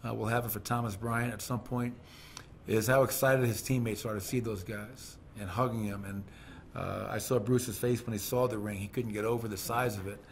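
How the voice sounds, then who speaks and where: A man's voice: fairly low pitch, fairly even intonation, normal speed, slight background noise. A middle-aged man, a basketball head coach, answers reporters' questions at a post-game press conference, speaking candidly with frequent fillers and restarts. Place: team press room, seated at a table. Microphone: desk microphone on a stand.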